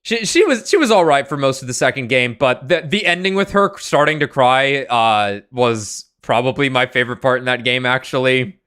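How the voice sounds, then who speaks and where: A man's voice: mid-range voice, animated, moderate pace, fairly bright tone, clear, resonant tone. A young man hosting a game stream, explaining the story in a rambling, casual way. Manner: rambling, with many fillers and restarts. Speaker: streamer, host.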